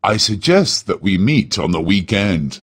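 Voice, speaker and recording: A man's voice: sits low, big pitch swings, slow, a bit bright, slightly rough, dry recording. Man reading translations in a dry booth. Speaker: translation reader.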